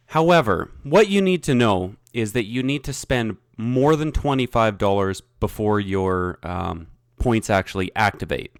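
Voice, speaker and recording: Guy cohosting a podcast, kinda low voice, swears a bit, right up on the mic. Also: animated, measured pace, clear, resonant tone, no room sound, clean studio sound. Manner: joking, swears freely. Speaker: podcast co-host. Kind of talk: casual chat. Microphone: sitting close to the mic.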